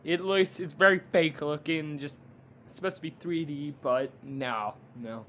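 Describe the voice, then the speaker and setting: A man giving an unscripted movie review rant, halting and blunt, with frequent restarts. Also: on the high side, fairly bright tone, slight background noise.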